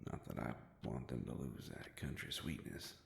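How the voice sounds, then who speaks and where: In an intimate audio drama, a man voices a kind, protective werewolf private investigator, gravelly and folksy in his easygoing speech. His voice is very deep at a normal speed, carries a slight hiss or hum, and stays fully in character. He murmurs fondly.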